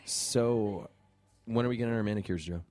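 A man's voice: on the low side, moderate pace, darkish tone, no echo, soft background music. A man hosting a comedy podcast, reading sponsor plugs and bantering crudely with his co-hosts. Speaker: podcast host. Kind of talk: casual comedy podcast chat.

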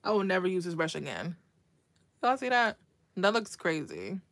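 A woman's voice: lowish voice, huge pitch swings, normal speed, fairly bright tone. Chatty woman hosting a nail livestream. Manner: chatty, answers viewers by name, laughs often. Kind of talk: casual livestream tutorial chat.

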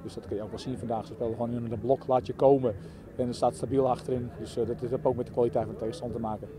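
Fast-talking Dutch football coach, man. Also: medium pitch, steady tone, crowd noise. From Netherlands. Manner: halting, many fillers and restarts. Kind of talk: post-match interview.

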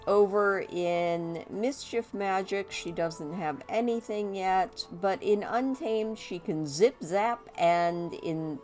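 A woman's voice: medium pitch, slow pace, hardly any pauses, a little mellow, faint music behind. A woman giving casual, chatty game commentary, talking to her characters, with a slight whistle on her s sounds. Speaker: gameplay host.

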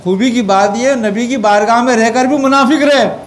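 A man's voice: extremely high pitch, slight background noise. A man from Pakistan giving religious teaching to a gathering, answering questions and often asking whether his point was understood. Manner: checks understanding with rhetorical questions. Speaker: spiritual teacher.

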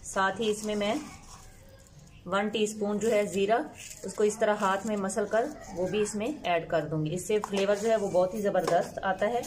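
A middle-aged woman runs a cooking channel from her home kitchen, walking patiently through each step of a home recipe. Her voice sits at medium pitch with fairly even intonation and a normal speed. She sounds patient, instructive and homely.

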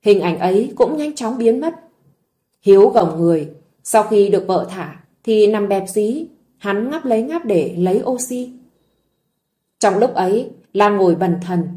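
A woman reading a drama story aloud in a gentle, emotive narration. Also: medium pitch. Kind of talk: scripted audiobook narration.

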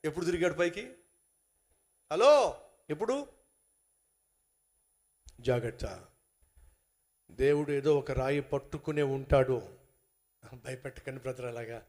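High-voiced pastor with dramatic loud swings. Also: male voice, lively intonation, slow pace, long pauses. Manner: dramatic, swings from soft to loud emphatic bursts. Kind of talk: sermon with acted-out story.

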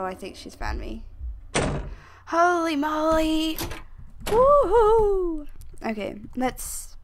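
A woman giving self-mocking let's play commentary on a horror game, breaking into sudden panicked shrieks. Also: on the high side. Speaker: game streamer. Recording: loud background noise.

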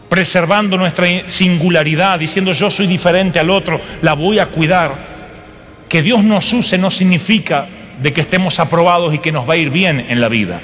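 A man preaching an animated sermon to a church, acting out voices with humor. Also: high voice, big-room sound.

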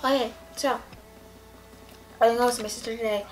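A woman's voice: fairly high pitch, steady tone, a little fast, soft background music. A young woman with a headache chatting sleepily to a close camera at home late at night, drifting from topic to topic in a giddy, rambling way. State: tired, with a headache. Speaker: vlogger. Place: indoors at home, sitting on a carpet. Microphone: camera close up at arm's length.

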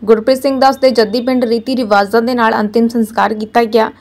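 Even-toned Punjabi woman reading news. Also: fairly high pitch, fast talker. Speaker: news narrator. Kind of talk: scripted news narration.

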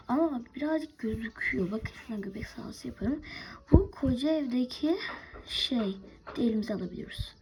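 High and warm, this young woman's voice comes through poor audio as she hosts a gaming video. She narrates the play casually, talking to viewers and making forgetful side comments.

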